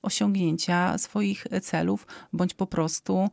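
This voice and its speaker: A woman speaking as an expert guest in an interview, explaining calmly with frequent hesitation fillers and a habit of ending points with a questioning tag. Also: lowish voice, slow, creaky, dry recording, studio quality. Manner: calm and explanatory, often ends points with a questioning "tak?".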